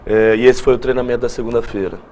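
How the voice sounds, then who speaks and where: A football coach in his thirties talks through events on a studio set. His voice stays flat and even with little melody, and his speech is measured, with frequent small restarts, at a middle pitch. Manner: measured, halting, repeats words. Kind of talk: studio TV interview.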